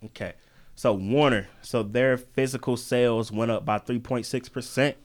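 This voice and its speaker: A man at a middle pitch, running a relaxed podcast conversation about record labels. He talks loosely, with slang and many filler words. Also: moderate pace. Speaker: podcast host. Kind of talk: casual chat about music business.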